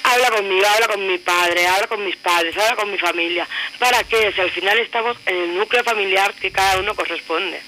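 A woman's voice: mid-range voice, brisk, pushed and bright, slight background noise, low-quality recording. A woman in her thirties speaking intensely on a radio show, asking many rhetorical questions. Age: 30s. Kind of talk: personal radio talk.

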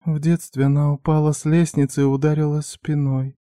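A scared young serving girl with a high, thin voice, speaking barely above a hush in a storybook tale, as a male reader puts her on. Her words come soft and small, recorded close and dry. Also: little pitch movement, a little fast, no echo, lightly acted. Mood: timid hushed. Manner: quiet, barely audible. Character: frightened young waitress, timid and hushed. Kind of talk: audiobook character voice.

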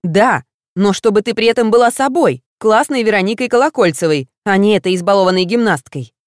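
A woman voicing an excitable, pushy young female student who talks emphatically and exclaims a lot. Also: mid-range voice, a little fast, dry recording, studio quality, lightly acted. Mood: scolding. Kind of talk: audiobook character voice.

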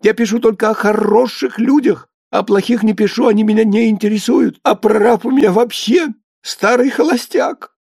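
A thin-voiced, touchy timid writer, as a male reader plays him, squeaking higher in whiny indignation. Husky and dark underneath, recorded dry and close for an audiobook. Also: normal speed, no room sound. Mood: indignant. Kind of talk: audiobook character voice.

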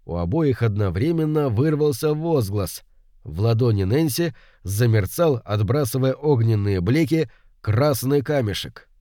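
A man reading a detective story aloud as narrator in an expressive manner. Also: medium pitch, unhurried, no room sound, studio quality.

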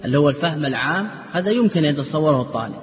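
An Islamic scholar with a fairly high, lively voice teaches a classroom lecture on legal theory and grammar at a very fast pace in a reverberant hall. He keeps posing questions to his students, answering them himself, and drills word forms by repetition. The audio is dull and muffled with faint hiss beneath.

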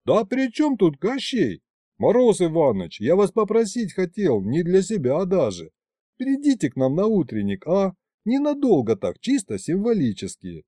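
A man voicing an excitable young man who shouts and pleads eagerly. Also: high voice, moderate pace, no room sound, clean studio sound, voice pushed up, full character voice.

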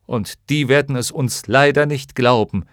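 A man voicing a rueful, old-fashioned gentleman knight in an audiobook, making dry, regretful remarks. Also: medium pitch, unhurried, no echo, close to an everyday voice. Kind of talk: audiobook character voice.

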